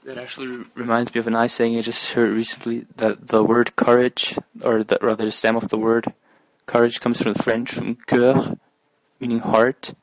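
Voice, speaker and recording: Male interview host, very monotone, thoughtful and halting, dry studio-style sound. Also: medium pitch, no echo, low-quality recording. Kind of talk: conversational interviewing.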